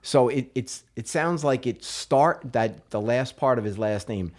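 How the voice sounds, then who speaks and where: An American man co-hosts a comedy podcast, telling a history story with playful hamminess and jokey asides. His mid-range voice is a little mellow and his delivery a bit slow.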